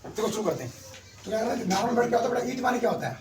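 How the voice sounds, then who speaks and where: A man's voice: high voice, big pitch swings, racing, background noise. A man teaching an English class, quizzing his pupils and calling them beta. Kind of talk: classroom lesson. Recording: echoey classroom from far off.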